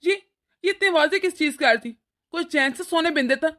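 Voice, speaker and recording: A woman voicing an irritable elder brother in an animated cartoon, speaking in an annoyed, lecturing way. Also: sits high, a little fast. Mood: irritated. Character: irritable elder brother, adult man, short-tempered.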